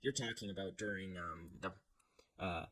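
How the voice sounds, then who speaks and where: Sarcastic, forceful low-voiced man. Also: normal speed, slight background noise. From Canada. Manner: sarcastic, rambling, loud bursts of emphasis. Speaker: political commentator. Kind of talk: casual reaction commentary.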